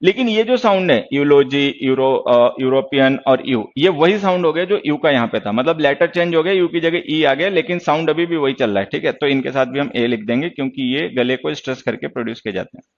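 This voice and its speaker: Stern Hindi-speaking teacher, lo-fi sound. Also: male voice, on the high side, fairly quick, few pauses. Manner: stern, lecturing, calls viewers "bachche". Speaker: English teacher. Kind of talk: online class, explaining grammar and answering chat.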